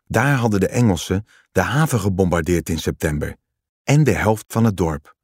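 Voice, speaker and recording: A man reading a story aloud in calm, measured scripted narration. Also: low-pitched, slightly rough, no room sound, clean studio sound.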